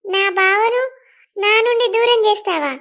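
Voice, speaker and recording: A woman voicing a jealous young village woman who slowly threatens her rival, with a Telangana Telugu accent. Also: very high-pitched, a bit bright. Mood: menacing. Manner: slow, menacing threats. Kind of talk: cartoon voice acting.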